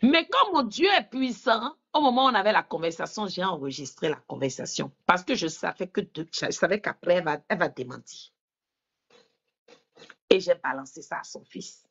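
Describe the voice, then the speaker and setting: At a church women's gathering, a woman gives an animated testimony, acting out quoted dialogue and asking the audience questions directly. Her pitch is fairly low, she speaks at a normal speed, and the audio sounds dull.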